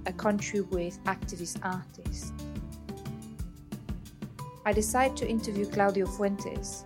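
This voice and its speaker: A woman hosting a podcast, narrating a scripted, articulate argument. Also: medium pitch. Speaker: podcast host.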